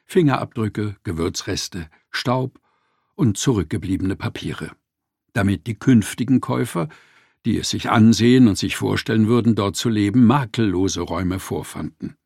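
A man narrating a story in a scripted, expressive and wry manner. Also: lowish voice, normal speed, creaky, no echo, studio quality.

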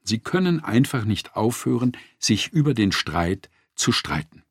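A man narrating a nonfiction audiobook in a measured, expressive reading, close to the mic. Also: on the low side, breathy edge, dry recording.

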